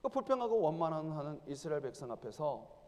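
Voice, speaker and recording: A male pastor delivers an emphatic sermon in a church sanctuary, his high voice leaping and dropping across a lively range. The hall carries a long reverb behind him. He slips into the voices of the people as he acts out their prayers. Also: brisk.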